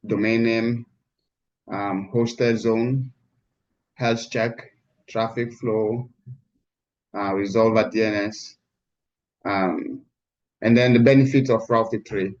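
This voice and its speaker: A man teaching a live online class, heard through a screen-recorded video call, talking in a halting way with many restarts. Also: lowish voice, fairly even intonation, a little mellow, highs cut off. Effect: screen-recorded video call audio. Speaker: instructor. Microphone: computer mic on a video call.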